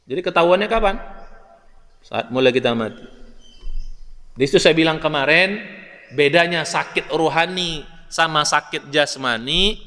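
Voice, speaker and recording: Bright-voiced older preacher in a reverberant mosque. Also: male voice, a little high, moderate pace, pauses often. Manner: lively, folksy, addresses listeners as Pak and Bu, asks the crowd questions. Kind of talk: dawn mosque lecture. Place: mosque hall. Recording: long hall reverb.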